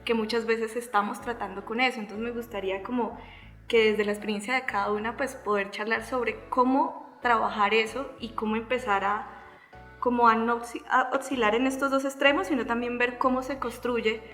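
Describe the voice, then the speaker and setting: A woman's voice: fairly high pitch, steady tone, normal speed, fairly bright tone, faint music behind. A woman with a Colombian accent hosting a faith podcast, framing the topic in a thoughtful, hesitant way with tag questions. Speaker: host. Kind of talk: casual faith-based podcast chat.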